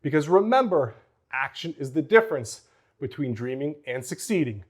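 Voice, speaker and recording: Guy coaching a workout, kinda high voice, out of breath, pumped up. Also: moderate pace. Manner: energetic, coaching. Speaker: fitness coach. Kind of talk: workout demonstration vlog.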